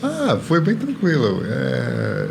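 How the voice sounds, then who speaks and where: A middle-aged man, an orchestral violist appearing as a podcast guest, chats casually in a halting, jovial way and laughs easily. He is a non-native speaker whose first language is Portuguese, and he has a Canadian accent. His voice sits fairly high with huge pitch swings, and clearly audible background noise runs through the recording.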